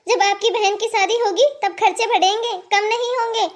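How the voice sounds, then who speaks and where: A woman voicing a gentle, doting aging mother in a cartoon, who talks in a fretful way. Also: very high voice, fairly even intonation, moderate pace. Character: gentle aging mother, soft-hearted mother-in-law. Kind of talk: cartoon dubbing.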